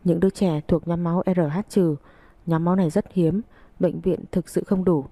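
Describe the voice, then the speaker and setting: A woman reading the lines of a serious, tired male hospital doctor who speaks slowly and measuredly. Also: lowish voice, fairly even intonation, mellow, no room sound. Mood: grave. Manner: slow, measured delivery of bad news.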